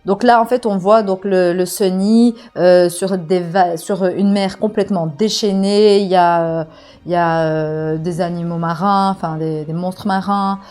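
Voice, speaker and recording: A woman's voice: fairly low pitch, measured pace. Woman reading a comic live, swears a ton, lots of euh and en fait, faint music behind. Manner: excitable, swears a lot, many fillers. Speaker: comic reader and reactor. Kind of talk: casual live reaction reading.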